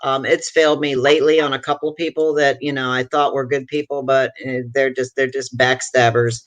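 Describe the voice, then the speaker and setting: A woman's voice: a bass voice, flat delivery, a little fast, no room sound. A woman in her fifties from Florida, co-hosting a live stream and speaking bluntly, swearing freely. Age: 50s. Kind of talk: casual chat.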